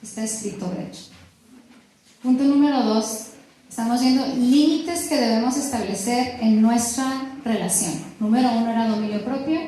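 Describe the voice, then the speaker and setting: A middle-aged woman leads a church class on marriage, her voice sitting high for a woman. She talks in a lively, chatty way and acts out snippets of dialogue. The sound rings in a very echoey church hall. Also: normal speed, a little hiss or hum. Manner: lively and conversational, with laughs and acted-out quotes. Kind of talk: church teaching talk. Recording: very echoey room.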